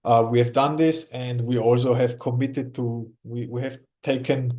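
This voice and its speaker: Guest exec, man with Austrian German accent, halting speech, mellow tone. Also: mid-range voice, steady tone. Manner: halting, many restarts and repeated words. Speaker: company executive guest. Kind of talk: casual interview talk.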